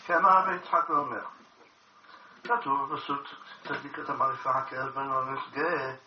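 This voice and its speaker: A man's voice: mid-range voice, steady tone, dull audio, slight background noise. A man giving a Torah study lecture, expounding a text and posing rhetorical questions, recorded from a distance in an echoey room.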